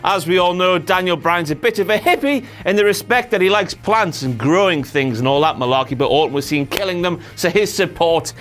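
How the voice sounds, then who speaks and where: A man's voice: sits high, lively intonation, brisk, hardly any pauses, fairly bright tone. A British man hosting a comedic wrestling recap show, with a theatrical, mock-pompous and sweary manner. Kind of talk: comedic commentary.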